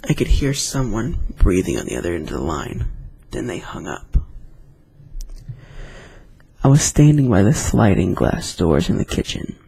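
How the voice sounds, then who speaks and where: A man's voice: fairly low pitch, sing-song, moderate pace, gravelly, dark tone, husky, no room sound. A man casually reading scary stories aloud, with chatty, rambling asides between them. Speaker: YouTube storyteller.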